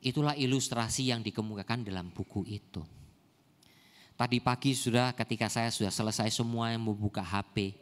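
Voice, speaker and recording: An older pastor preaching to his congregation at a middle pitch and pausing on rhetorical questions to the room. His voice rings with a long church-hall echo from the sound system. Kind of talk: sermon.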